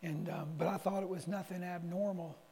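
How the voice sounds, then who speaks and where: Talking a little fast in a high-pitched, steady, creaky yet mellow voice, a lay preacher delivers a conversational sermon to a church assembly. He meanders through folksy personal stories, tossing in self-correcting asides. The church meeting hall is reverberant, with a faint hum.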